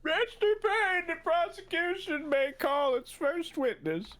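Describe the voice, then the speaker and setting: A woman reading the part of a stately old male judge, questioning the court in a deliberate way. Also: very high voice, sing-song, a little hiss or hum, heavily acted. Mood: measured.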